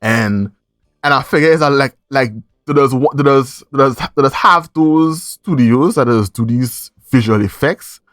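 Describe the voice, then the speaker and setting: A man with a Trinidadian accent hosts a podcast, chatting casually about a review and repeating phrases emphatically for effect. His voice sits at medium pitch with a fairly bright tone, and he talks a little slowly. The studio recording is clean with no room sound.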